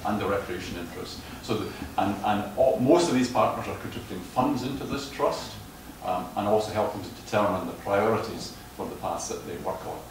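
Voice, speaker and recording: Low-voiced man lecturing in a hall. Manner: hesitant, repeats words often. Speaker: lecturer on footpath management. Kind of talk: lecture with audience questions. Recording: echoey hall, distant mic, noise.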